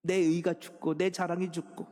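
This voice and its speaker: A man's voice: high voice, little pitch movement, moderate pace. Impassioned male pastor in a reverberant church. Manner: swings from hushed, whispered pleading to loud shouting exhortation. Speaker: senior pastor. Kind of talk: sermon. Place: church sanctuary. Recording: long reverb of a church sanctuary.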